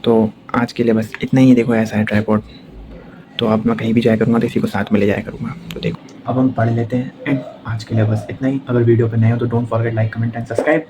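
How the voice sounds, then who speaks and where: A man's voice: mid-range voice, little pitch movement, fairly quick, background noise. A young man chatting casually to his phone camera about his day at home, a rambling daily vlog. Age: young adult. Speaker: vlogger. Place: home and rooftop. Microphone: phone held in hand.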